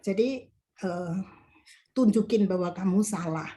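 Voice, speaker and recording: A woman's voice: lowish voice, unhurried, dark tone. A woman counselor tells a testimony in an online meeting over a video call and acts out her own stern words to the person she helped. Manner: re-enacts her own stern words, ends phrases with a filler tag.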